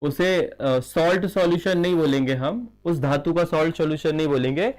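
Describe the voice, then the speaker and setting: A man's voice: fairly high pitch, a little mellow. A man teaching a chemistry class, who asks questions and answers them himself, repeats key terms and slips in English phrases. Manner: dictates slowly while writing. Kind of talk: classroom lecture.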